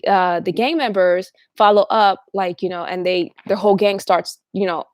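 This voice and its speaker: A woman's voice: medium pitch, fairly even intonation, normal speed, no room sound. A woman hosting her own channel, talking in a rambling, casual monologue, often restarting sentences and acting out what other people say. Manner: rambling, restarts often, acts out quoted voices. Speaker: channel host.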